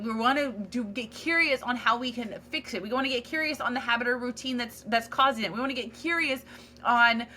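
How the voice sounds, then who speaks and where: Bright-voiced woman hosting a candid podcast. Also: fairly high pitch. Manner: candid, earnest, self-reflective; casual with frequent fillers and restarts. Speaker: podcast host. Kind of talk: solo podcast monologue.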